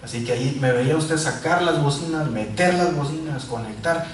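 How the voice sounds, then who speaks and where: A man from Mexico, preaching a sermon full of personal testimony and swinging from loud calls to quiet asides. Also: on the high side, normal speed. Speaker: pastor. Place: large echoey church hall. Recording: echoey church hall, mic far off, faint noise.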